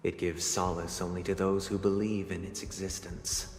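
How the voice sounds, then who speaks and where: An actor playing a grandiose game villain who narrates in a slow, theatrical, menacing monologue. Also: male voice, deep voice, level tone, darkish tone, a little hiss or hum, natural voice. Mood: grave, menacing. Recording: echoey hall reverb, game music underneath.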